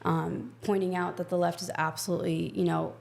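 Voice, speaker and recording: Gravelly-voiced woman giving frank opinions. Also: fairly low pitch, little pitch movement, darkish tone. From Egypt. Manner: frank, opinionated, talks in quick bursts. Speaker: podcast guest. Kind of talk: casual interview conversation.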